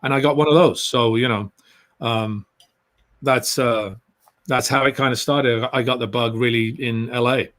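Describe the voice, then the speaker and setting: Man, English accent, middle pitch, relaxed storytelling guest, rambling, lots of "you know". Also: normal speed. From England. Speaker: guest actor.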